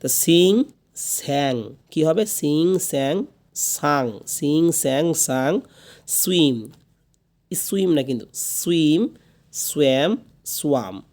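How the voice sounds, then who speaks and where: A man teaching an English class, with Bengali as his first language. He is patient and repeats each word slowly so learners can drill it. His voice sits a little high and sounds warm and mellow. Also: expressive. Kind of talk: classroom lesson.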